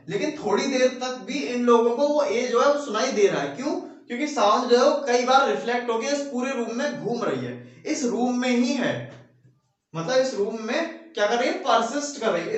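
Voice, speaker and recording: High-voiced male teacher in echoey room. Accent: Hindi. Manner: repeats phrases, keeps asking "ठीक है"; slows down while dictating notes. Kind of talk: classroom lecture at a board. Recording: very echoey room, mic far off.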